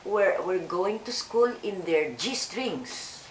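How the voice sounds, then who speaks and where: An older woman from the Philippines, recalling her life slowly and haltingly in an oral history interview. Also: mid-range voice, lively intonation, roomy sound, a little hiss or hum, rough recording. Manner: slow, hesitant, with many fillers and restarts.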